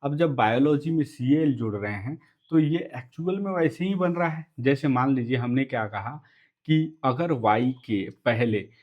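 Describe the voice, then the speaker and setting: A man's voice: medium pitch, lively intonation, moderate pace, lo-fi sound. A man teaching an English class online, explaining step by step, repeating key words and checking in often with listeners.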